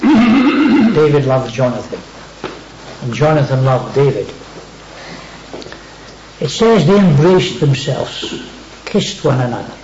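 A man preaches a sermon in a fairly high voice, repeating key words for emphasis. The recording sounds roomy and echoey, with a dull, lo-fi tone and a faint hiss underneath. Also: a little mellow. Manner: dwells on words with emphatic repetition.

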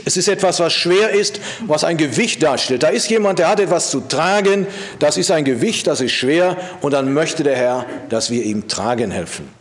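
A man giving a calm, verse-by-verse Bible exposition, with phrases that fall low at their ends. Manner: steady teaching tone, drops low at the end of sentences. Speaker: Bible teacher.

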